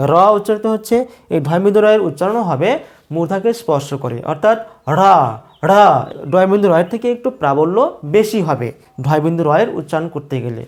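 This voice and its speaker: Teacher voice, mid pitch, methodical, repeats every sound for learners. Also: darkish tone. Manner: slow, repeats each sound several times. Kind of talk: pronunciation lesson.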